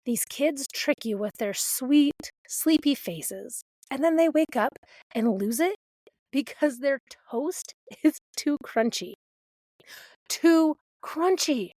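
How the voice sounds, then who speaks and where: A woman's voice: high voice, animated, slow, mellow, no echo. A woman hosting a podcast, a parent of a toddler doing a sardonic comedic monologue and swearing freely. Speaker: podcast host.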